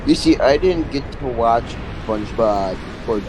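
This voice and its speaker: A man's voice: mid-range voice, animated, measured pace, music in the background. A man chatting casually as a commentator on a video game playthrough. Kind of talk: casual gaming chat.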